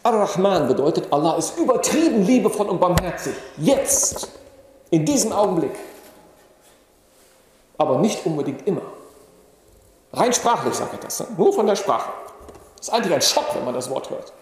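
A man with a slightly high voice gives a religious lecture. He explains patiently and asks his listeners questions. The recording rings with long reverb from a large hall. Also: big pitch swings, moderate pace, pauses often, a little mellow, a little hiss or hum. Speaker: preacher.

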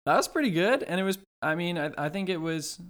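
A man's voice: sits high, expressive, brisk, fairly bright tone. A man in his early twenties co-hosting a casual podcast, musing aloud with hesitant, self-correcting phrasing. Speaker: podcast co-host. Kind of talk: casual chat.

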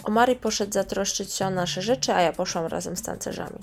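A woman's voice: mid-range voice, fast talker, creaky, faint music behind. A woman reading her own memoir aloud in a chatty way, with sarcastic asides. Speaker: storyteller.

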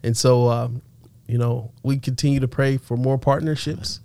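A man's voice: mid-range voice, steady tone, normal speed, gravelly, mellow, no echo. A man co-hosting a casual faith discussion, affirming his partner with short agreeing replies.

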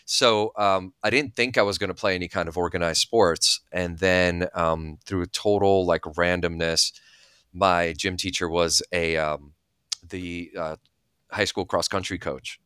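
A man's voice: low voice, fairly even intonation, a little slow, a bit bright, clean tone, no room sound, studio quality. A man in his thirties, originally from Bulgaria, talking candidly as an interview guest. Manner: thoughtful, candid, many fillers. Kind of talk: casual interview talk.

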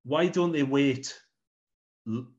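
A man's voice: medium pitch, slow pace, a little mellow, muffled recording. A man co-hosting a casual film-review podcast, rambling and restarting his sentences. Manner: rambling, repeats words as he restarts. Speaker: podcast co-host.

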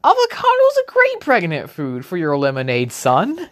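A man's voice: on the high side, huge pitch swings, measured pace, a bit bright. A young man co-hosting a let's play, rambling through silly jokes and giggling often. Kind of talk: casual gaming chat. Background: video game music.

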